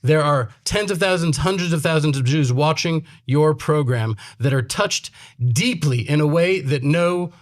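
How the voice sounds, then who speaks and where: A man born in Texas, USA, and now living in Israel co-hosts a casual panel talk, having come straight from reserve duty. His slightly high voice moves at a normal speed as he speaks earnestly and from the heart, quoting Hebrew scripture.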